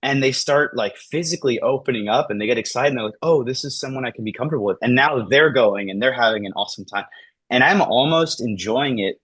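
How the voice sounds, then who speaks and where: A man in his thirties talking casually as a podcast guest, acting out everyday conversations in lively voices and often saying "like" and "man". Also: medium pitch, fast, slightly rough, no room sound. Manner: animated, acts out dialogue in lively voices, says "like" and "man" often.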